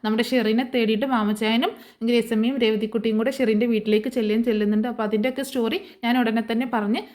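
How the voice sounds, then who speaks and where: A woman's voice: on the high side, fairly even intonation, racing, a little mellow. A woman casually retelling a TV serial episode in a chatty way, adding friendly tag words to her sentences. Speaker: serial recap storyteller.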